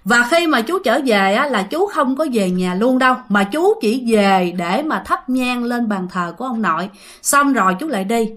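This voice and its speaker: A woman's voice: on the high side, lively intonation, normal speed, fairly bright tone. A woman narrating a ghost story in a chatty way, talking straight to listeners. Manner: chatty, addresses listeners directly.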